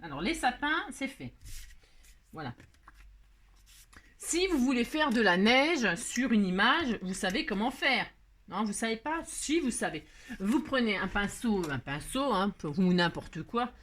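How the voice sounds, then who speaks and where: A woman's voice: on the high side, big pitch swings, unhurried, fairly bright tone. A woman hosting a casual craft tutorial, chatty and scatterbrained, laughing at herself as she works. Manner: sings playfully while working.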